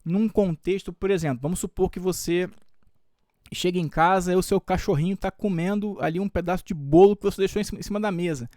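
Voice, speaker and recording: A Brazilian Portuguese teacher, a man, walks his students through exam questions one step at a time. He keeps checking in with them as he goes. His voice sits a touch high and sounds dry and close to the mic. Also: a little fast, a little mellow, no echo. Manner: explains step by step with frequent check-ins like "tá?" and "tudo bem?". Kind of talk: exam-prep video lesson.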